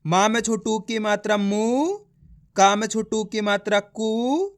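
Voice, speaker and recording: A man teaching beginners to read, sounding out each syllable before saying the whole word more loudly, and speaking to viewers as friends. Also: sits high, takes it slowly. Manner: addresses viewers as friends, patient and encouraging. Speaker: Hindi reading teacher. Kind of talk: reading lesson for beginners.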